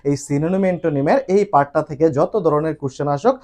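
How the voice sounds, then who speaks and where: A male English teacher lecturing a class, running through word pairs in quick lists and often checking in with his students. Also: on the high side, a little mellow.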